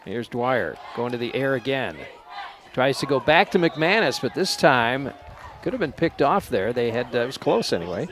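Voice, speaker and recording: A man's voice: medium pitch, normal speed, some chatter behind. Unpolished small-station football announcer, man. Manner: relaxed, unpolished, hesitant over names. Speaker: play-by-play announcer. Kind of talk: local college football commentary.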